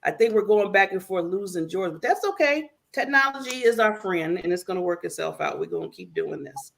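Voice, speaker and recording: Woman talk-show host, chatty and loose, gravelly fry in the voice, video call. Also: medium pitch, very animated, brisk. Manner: warm, chatty, laughing often. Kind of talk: casual online talk show hosting.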